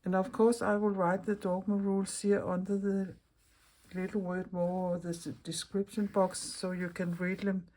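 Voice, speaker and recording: The host is a middle-aged woman from Denmark whose mellow, medium-pitched voice keeps a level tone at a moderate pace. She leads a casual craft tutorial in accented English, her second language, and keeps restarting her words.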